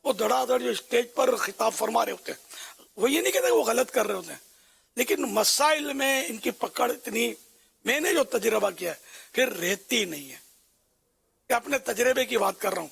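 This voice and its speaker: A man's voice: very high-pitched, gravelly, fairly bright tone, husky. A man giving a conversational religious talk as a scholar, rambling and leaning on fillers.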